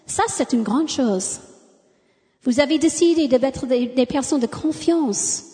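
A woman preaches in French with an American accent, as a native English speaker. Her voice is high and mellow, carried by long hall reverb. She delivers a sermon in an exclamatory way, dotted with amens and hallelujahs. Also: a little slow. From United States.

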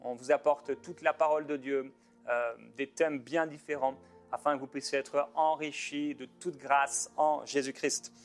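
A man's voice: mid-range voice, fairly even intonation. Pastor guy talking to his viewers, fervent, lots of euh and restarts, faint music behind. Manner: fervent, rambling, with many filler pauses and restarts. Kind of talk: informal ministry talk to viewers.

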